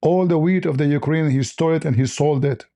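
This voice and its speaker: A man's voice: a little high, brisk, dark tone. A man hosting a livestream, giving mocking, sarcastic commentary and repeating phrases for emphasis. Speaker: livestream host.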